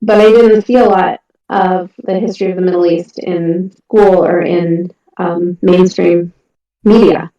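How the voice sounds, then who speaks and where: Speaking from home over voice chat, this middle-aged indie author discusses her writing in an earnest, casual way, often saying "um" and starting over. Her fairly low voice is warm and steady and moves a little slowly. The computer-mic call audio sounds muffled, distant and echoey.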